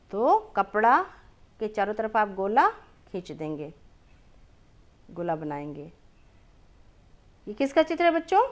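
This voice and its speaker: Female teacher for a kids' lesson. High and lively, slow and drawn out, answers her own questions. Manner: slow and drawn-out, stretches each word; asks children questions, then answers them herself. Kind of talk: children's lesson, reading aloud.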